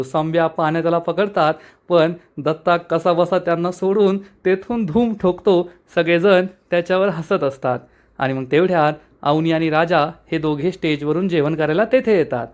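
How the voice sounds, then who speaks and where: A man recapping a TV serial episode as a story, lively and reading out the characters' lines himself. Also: sits high. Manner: lively, reads dialogue aloud.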